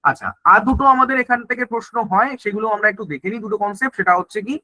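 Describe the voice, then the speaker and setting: A man's voice: high-pitched, racing, pushed and bright, no room sound, low-quality recording. A man teaching an exam-prep lesson. He explains in Bengali mixed with English terms and keeps checking that the class is following.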